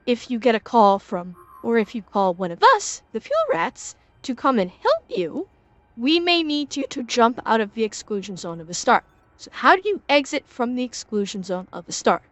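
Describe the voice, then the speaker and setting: A woman's voice: sits high, fairly bright tone, no room sound. A woman giving a live gaming tutorial as an instructor, emphatically repeating key points and answering viewers as she goes. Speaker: instructor and host of a gaming lesson.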